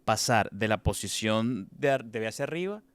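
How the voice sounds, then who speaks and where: A man's voice: on the low side, expressive, moderate pace, smooth. A man with a Venezuelan accent talking about fatherhood in a casual chat, often stumbling and repeating words. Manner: hesitant, repeats and restarts words. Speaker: father in a podcast conversation.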